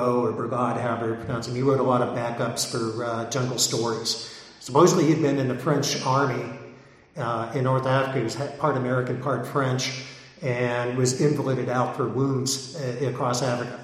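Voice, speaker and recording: A man gives a loose, digressive talk as a pulp fiction collector, pausing and hesitating often. His voice sits in an ordinary middle register. The sound is very echoey, with a long reverb tail from a large hall. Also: medium pitch. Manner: rambling and digressive, with many hesitations. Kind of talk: informal talk to an audience.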